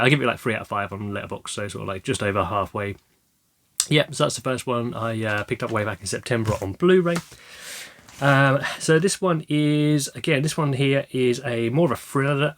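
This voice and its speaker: A young man talking casually about his film collection, rambling with many ums and restarts, his throat slightly croaky. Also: medium pitch, fairly bright tone. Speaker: video creator showing a film haul. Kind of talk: casual chat.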